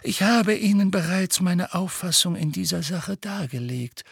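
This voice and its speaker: A man voicing a calm, wise old headmaster who speaks quietly and deliberately, in an audiobook reading. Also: high-pitched, gravelly, slightly rough, dry recording, studio quality, voice pushed up, heavily acted.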